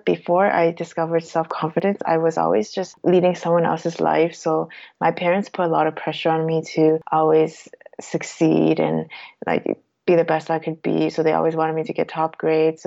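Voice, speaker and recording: A Canadian woman in her twenties, appearing as an interview guest, answers casually with fillers and self-corrections. Her voice is low, gravelly, and a little mellow, with dull lo-fi sound.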